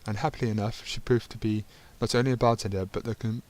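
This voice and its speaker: Low flat-voiced man reading game text. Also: fast. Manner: stumbling reading with dry asides. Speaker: gaming channel host.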